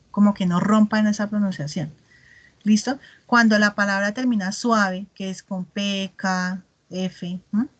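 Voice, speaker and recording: A woman teaching an English class over a video call, explaining patiently and modeling English words slowly. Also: mid-range voice.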